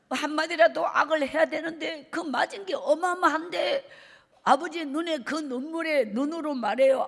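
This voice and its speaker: A middle-aged woman evangelist with a Gyeongsang accent, giving an emotional sermon testimony and often dropping to a soft hush. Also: sits high. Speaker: evangelist preacher. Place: church sanctuary. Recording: long reverb of a church hall.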